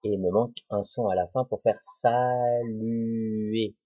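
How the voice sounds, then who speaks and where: A man, a primary school teacher giving a recorded spelling lesson to children, slowly sounding out words syllable by syllable with patient dictation. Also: fairly low pitch, dark tone, husky, no room sound, lo-fi sound.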